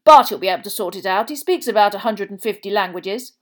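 A woman's voice: sits high, very animated, normal speed, voice pushed up. A woman voicing a jovial, boisterous male wizard official with a hearty, carefree, chummy manner in an audiobook. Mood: jolly, eager.

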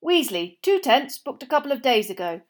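Woman reading as a fumbling cheerful wizard father, high bright voice, loud, eager. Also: big pitch swings, normal speed. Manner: eager, nervous, fumbling with words. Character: cheerful, flustered middle-aged wizard father.

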